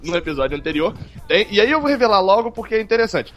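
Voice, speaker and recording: A man's voice: high voice, very animated, quick pace, faint music behind. A man co-hosting a podcast in casual, teasing banter, repeating phrases for emphasis. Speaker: podcast co-host.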